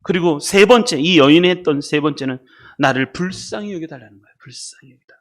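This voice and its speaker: A man's voice: on the high side, brisk. A man preaching a Sunday sermon as pastor, asking the congregation questions and leading a call-and-response. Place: church sanctuary.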